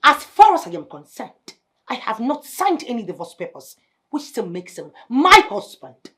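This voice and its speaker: A woman's voice: fairly high pitch, wildly swooping pitch, moderate pace. An actress playing a possessive, scornful estranged wife who mocks and snaps at her friend. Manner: mocking, sharp-tongued, rising to shouts.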